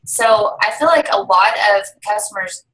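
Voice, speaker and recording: A young woman on a video call, in a casual interview, chats upbeat about how she follows up with customers for her sales team, walking through her routine step by step. She is a network marketing distributor and team leader, with a medium-pitched, fairly bright voice at a moderate pace, though the recording quality is low.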